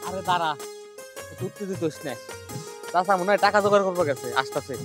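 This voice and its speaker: An actor playing a hustling young go-between in a TV drama, talking in a quick, wheedling way. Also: male voice, sits high, over music, lightly acted. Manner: fast, wheedling. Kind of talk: TV drama acting.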